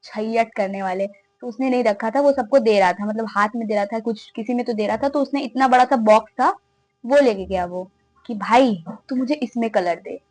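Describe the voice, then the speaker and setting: Young woman, casual storytelling, animated, a bit high, dry close sound. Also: normal speed, no echo, rough recording. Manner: animated, laughing, acts out friends' lines. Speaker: vlogger.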